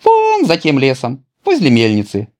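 A man's voice: mid-range voice, huge pitch swings, moderate pace, a little mellow, voice pushed up. A man voicing a polite, naive, chatty little girl in a children's storybook reading.

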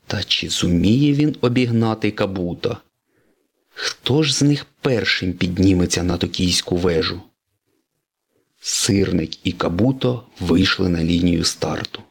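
A man's voice: deep voice, a little slow, gravelly. A man reading a children's storybook aloud, narrating expressively.

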